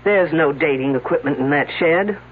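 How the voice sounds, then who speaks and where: With a deep voice at a normal pace and a lightly acted delivery, an actress plays a confident, wisecracking female detective in a radio mystery, needling the suspects sardonically. The recording sounds like a tinny old radio broadcast, with slight background noise.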